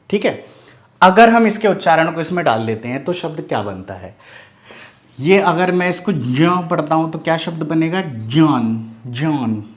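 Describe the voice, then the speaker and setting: Casting note: a male Hindi teacher from the Mithila region, patient and explanatory, who repeats example words and often checks that the class follows. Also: a little high. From Mithila region, India. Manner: explains step by step, often asks "do you follow?" and repeats "ठीक है"; says example sounds and words slowly and repeats them. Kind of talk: online video lesson.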